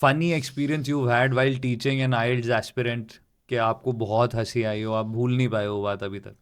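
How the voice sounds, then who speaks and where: A man's voice: mid-range voice, fairly even intonation, slow pace, smooth. A man hosting a podcast, asking questions and agreeing briefly. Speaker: podcast host. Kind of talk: podcast interview.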